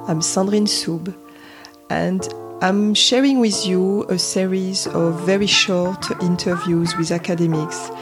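Brief: woman host, lowish voice, welcoming intro, guitar bed clear behind. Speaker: podcast host. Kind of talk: scripted podcast intro.

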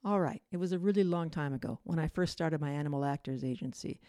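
A woman's voice: low-pitched, fast, mellow, dry recording, studio quality. A middle-aged woman hosting a storytelling show, talking casually and rambling with many fillers and restarts. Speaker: host and storyteller.

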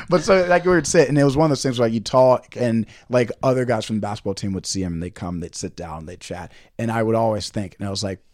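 A man's voice: on the low side, fast talker, darkish tone. A young man, a former class president, chatting casually as a podcast guest, telling rambling, self-interrupting stories. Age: young adult. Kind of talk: casual storytelling chat.

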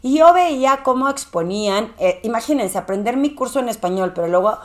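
A woman's voice: on the high side, lively intonation, brisk. A woman with a Mexican accent, a public speaking coach talking in a casual, conversational monologue with frequent "eh" fillers.

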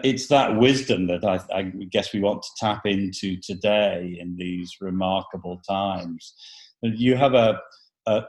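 A man interviewing a guest over a remote call, courteous, with small restarts. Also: sits low. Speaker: interviewer, chief executive.

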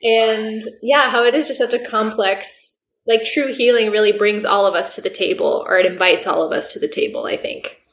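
A woman's voice: medium pitch, moderate pace, few pauses. A woman in her thirties, an herbalist guest, telling a personal story in casual, reflective chat with many "like" fillers. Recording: roomy echo.

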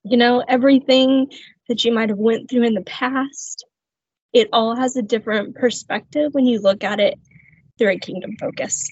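Husky, earnest woman sharing testimony. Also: a little high, fairly even intonation, moderate pace, no echo. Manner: earnest, reflective, with light laughs. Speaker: guest sharing her faith story. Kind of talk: candid personal testimony. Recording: slightly muffled, dry sound.

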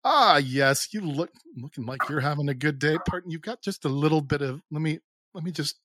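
A man voicing a dapper, charming male entertainer in a tabletop role-play, speaking in a courteous, smooth way. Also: fairly high pitch, a little fast, a bit bright, dry recording. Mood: gallant.

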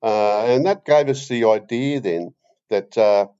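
Hosting a comedy podcast conversation, this older man speaks with an Australian accent and a fairly low, clean-toned voice. His delivery is halting, rambling and deadpan, captured on a somewhat dull recording.

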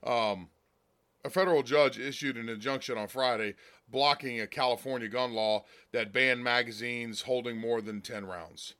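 An American man with a raspy, slightly hoarse smoker's rasp, giving blunt, folksy political commentary as a solo host. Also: mid-range voice, steady tone, normal speed, fairly bright tone. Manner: blunt, folksy, emphatic with repetition. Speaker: political talk show host.

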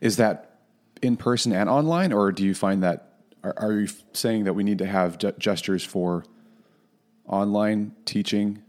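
A man's voice: lowish voice, measured pace, darkish tone. A man hosting a podcast interview, conversational and affirming as he asks follow-up questions. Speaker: podcast host.

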